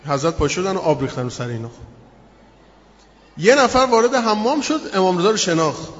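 A male preacher giving an expressive sermon that tells a story, acting out the lines of the people in it. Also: high-pitched. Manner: expressive, acts out quotes in the story. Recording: echoey hall, muffled sound.

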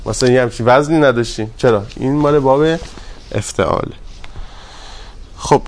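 A man teaching a grammar class, drawing out word forms slowly and asking his students questions. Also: medium pitch, a little mellow. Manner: drawn-out repetition of word forms, quizzing students; polite and deferential to the class leader.

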